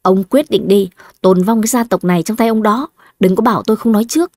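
A woman's voice: medium pitch, darkish tone, no room sound, clean studio sound, natural voice. Scornful scheming wife, read by a woman. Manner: cutting, nagging, quick retorts. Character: sharp-tongued scheming older first wife.

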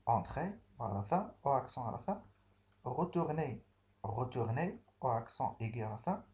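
A man teaching a grammar lesson at a very unhurried pace. He works through each example step by step, pausing on fillers and spelling out endings letter by letter. His pitch sits in an ordinary middle range. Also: darkish tone. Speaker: French teacher.

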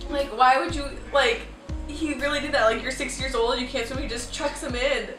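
A young woman chatting casually as co-host of a couple's vlog, excitable and gushing. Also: sits high, normal speed, music in the background. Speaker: vlogger's wife and co-host. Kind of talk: casual chat. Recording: echoey room, mic at a distance.

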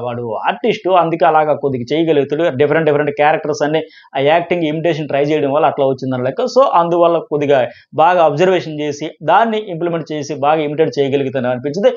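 A man's voice: a little high, rapid-fire. A man giving a rambling, casual review of a reality show, with frequent restarts. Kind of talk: casual commentary to camera. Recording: dull lo-fi sound.

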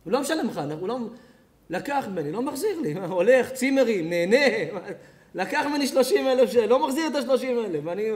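A rabbi giving a Torah lecture, acting out characters in dialogue and laughing often. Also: male voice, extremely high pitch, animated, darkish tone. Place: community evening lecture.

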